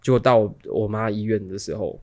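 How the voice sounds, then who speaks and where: A man, co-hosting a podcast and telling a rambling, animated story full of restarts. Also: fairly low pitch, a little fast. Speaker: podcast co-host. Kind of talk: casual storytelling chat.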